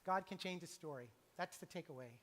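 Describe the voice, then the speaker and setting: A man's voice: sits high, brisk, a bit bright. A middle-aged man preaching a sermon in a church, earnest and confessional, talking in a conversational way. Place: church sanctuary. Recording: long reverb of a church hall.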